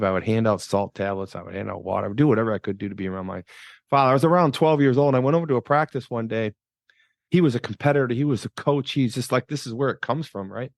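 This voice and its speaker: A man's voice: medium pitch, no room sound. A man in his sixties from Michigan, a coach and author telling a story as a guest on an interview podcast, with an emphatic, dramatic delivery that repeats phrases. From Michigan, USA. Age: 60s.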